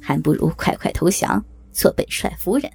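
A gravelly, low-voiced enemy general who schemes and mocks, put on by a woman telling the story. The voice sits low and grinds with rasp, and faint music plays underneath. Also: takes it slowly, a little mellow, heavily acted. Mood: sly, mocking. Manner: scheming, mocking, chuckling. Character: sly, leering enemy male general.

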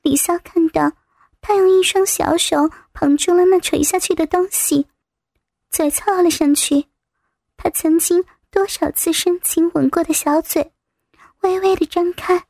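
A woman reading a story aloud as narrator, in a soft, slightly breathy manner. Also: extremely high pitch, dry recording, clean studio sound.

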